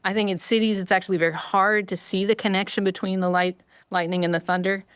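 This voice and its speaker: Speaking quickly in a smooth, slightly bright mid-range voice with little pitch movement, a middle-aged woman from rural Vermont explains how hearing works. She's a neuroscientist guest, thoughtful and conversational, often dropping in affirming fillers, and the recording is dry.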